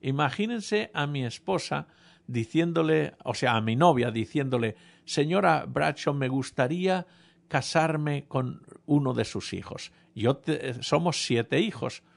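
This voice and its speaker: A man's voice: a little high, animated, unhurried, vocal fry. A man preaching a sermon, telling a humorous personal story and speaking directly to the congregation. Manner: humorous storytelling, addresses audience.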